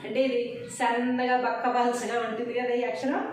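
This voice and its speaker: Woman teacher, high voice, slow sing-song recitation, far from the mic in a very echoey room. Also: little pitch movement. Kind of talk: teaching a Telugu alphabet lesson. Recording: very echoey, distant room mic with faint noise.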